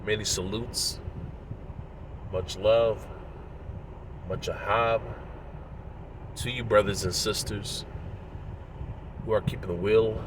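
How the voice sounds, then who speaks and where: In his thirties and nursing a cold, a man coughs and speaks nasally as he lectures on morality for a religious commentary video. He takes it slowly, pausing often, in a fairly low voice with background noise.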